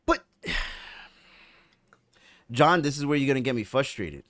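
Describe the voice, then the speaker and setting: A man co-hosting a podcast over an online call, ranting in an animated, profane, heated debate. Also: mid-range voice, a little slow, no echo, clean studio sound. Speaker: podcast co-host. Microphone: online call with lagging connection.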